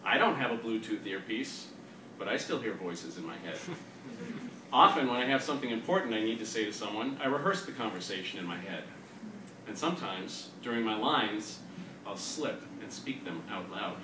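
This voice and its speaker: A poet who co-hosts a reading series hosts and reads aloud to a live audience with a wry, self-deprecating manner. His voice is lowish and animated at a normal speed. The recording comes from an echoey room with a distant mic and a noisy crowd.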